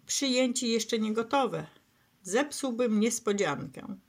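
A woman reading a children's story aloud, voicing a young male turtle who is eager and easily flustered, with an excited, breathless delivery. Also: very high-pitched, slow, creaky, full character voice. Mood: anxious whisper.

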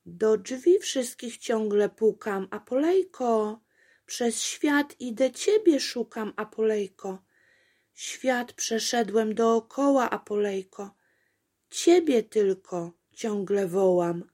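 A woman's voice: on the high side, expressive, slow, warm tone, pitched above the performer's own voice. A woman doing a chanting storybook prince. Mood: yearning. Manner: sing-song, rhythmic calling. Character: young prince calling in a sing-song chant.

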